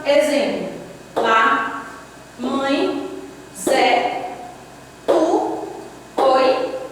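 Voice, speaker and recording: A woman teacher with a Brazilian Portuguese accent, explaining a grammar lesson and counting out examples one by one. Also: high-pitched. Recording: echoey hall, voice from far off, faint hum.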